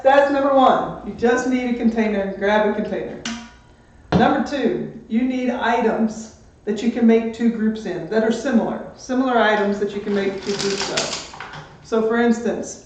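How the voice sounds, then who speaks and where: A man's voice: high voice, noisy background. A man teaching a math lesson on a live stream, chatty and upbeat, greeting students as they join. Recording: distant echoey muffled room mic.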